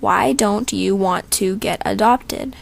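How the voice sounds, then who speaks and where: A woman's voice: mid-range voice, slow, creaky, heavily acted. A woman reading lines as a cheeky young male cat, offhand and flippant.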